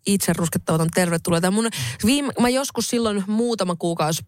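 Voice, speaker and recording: A woman's voice: mid-range voice, no echo. A woman co-hosting a podcast, telling stories in a rambling casual way with lots of fillers. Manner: rambling, filler-heavy, animated storytelling. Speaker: podcast co-host. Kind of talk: casual chat.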